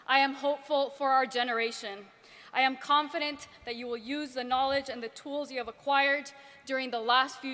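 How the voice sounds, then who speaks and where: Bright high-voiced young woman in a hall. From Ecuador. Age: 20s. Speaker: graduate student speaker. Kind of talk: commencement speech. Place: large ceremony venue. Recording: reverberant hall.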